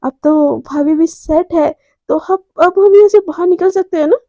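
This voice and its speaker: A woman voicing a playful young college girl who teases her friend loudly. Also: extremely high pitch, normal speed, no echo, highs cut off. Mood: teasing. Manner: teasing, playful, loud.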